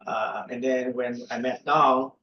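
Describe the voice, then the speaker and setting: A man's voice: medium pitch, fairly even intonation, unhurried, vocal fry. Man, echoey. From Vietnam. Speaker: startup co-founder. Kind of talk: casual panel talk. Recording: echoey, dull lo-fi room sound.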